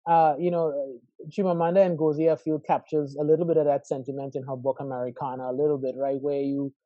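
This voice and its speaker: A man's voice: a little high, level tone, fast talker, no room sound, dull audio. A man in his forties from Trinidad and Tobago with a Trinidadian accent, a professor speaking as a guest in an interview, thoughtful and reflective, often asking "right?". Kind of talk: conversational interview over a call.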